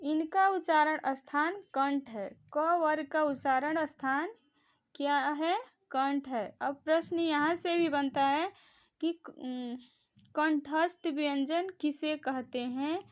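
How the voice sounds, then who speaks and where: Woman, grammar teacher, high voice, slow deliberate pace, patient drilling of sounds. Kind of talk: classroom-style grammar lesson.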